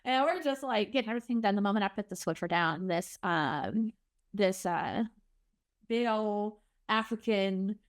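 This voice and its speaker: A young woman, a guest on a podcast, telling a lively story and acting out quotes. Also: moderate pace. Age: young adult. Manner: animated, acts out quotes with big pitch jumps. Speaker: guest, foster parent.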